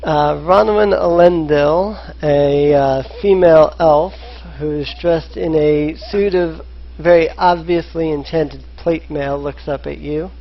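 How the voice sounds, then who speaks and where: Slow, gravelly dungeon master narrator. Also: mid-range voice. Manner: hesitant, many filler sounds. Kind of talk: narrating a tabletop game. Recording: dull lo-fi online recording.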